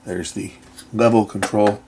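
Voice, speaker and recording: On the low side and a little mellow, this repair video host speaks at a measured pace with fairly even intonation. His unscripted commentary wanders as he thinks aloud, trailing off and second-guessing himself amid audible room ambience and background noise.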